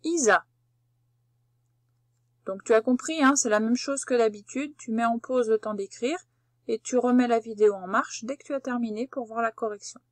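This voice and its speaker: A woman teacher giving a patient, slow spelling dictation lesson, spelling out letters one by one. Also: on the high side, no echo, clean studio sound.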